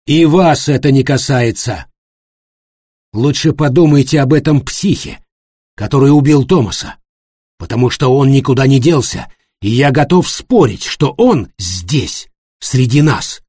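A man voicing an angry, resentful male hotel worker who shouts scornfully. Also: mid-range voice, expressive, a little slow, husky, dry recording, clean studio sound, voice pushed up. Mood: furious.

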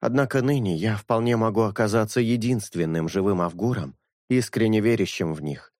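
A man reading an audiobook, voicing an earnest young priest who speaks in a measured, sincere way. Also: fairly low pitch, darkish tone, no room sound, clean studio sound, lightly acted. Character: earnest young male priest, calm and honest.

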